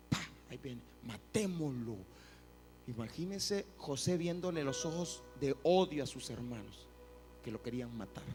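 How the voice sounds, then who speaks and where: Male pastor, high-pitched, animated, echoing church hall. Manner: animated, acts out quoted voices, addresses listeners as "hermano". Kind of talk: sermon. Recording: reverberant church hall, faint music.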